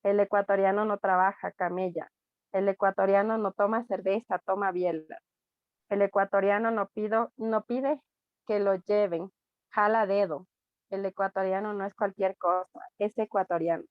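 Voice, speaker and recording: A woman with an Ecuadorian accent, a student reading a text aloud in class, steady with small slips. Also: medium pitch, normal speed, no room sound, lo-fi sound. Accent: Ecuadorian Spanish.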